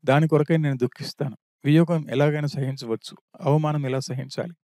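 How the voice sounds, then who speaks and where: A man's voice: on the high side, steady tone, brisk, dark tone, no echo, studio quality, natural voice. A man voicing a grieving prince who laments his lost wife in a stream of anguished questions.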